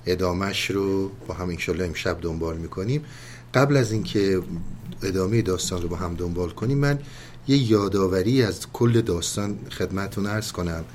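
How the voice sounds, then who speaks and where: A man with a fairly low voice gives a calm, unhurried lesson on mystical poetry, retelling tales and reciting verses. He speaks to his listeners with polite, measured care. A faint hiss sits under the recording.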